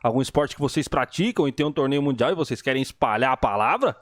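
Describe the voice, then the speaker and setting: A man's voice: medium pitch, lively intonation, fast talker, no echo, clean studio sound. A man co-hosting a casual sports live stream, joking and laid-back. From Brazil. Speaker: co-host of a sports show.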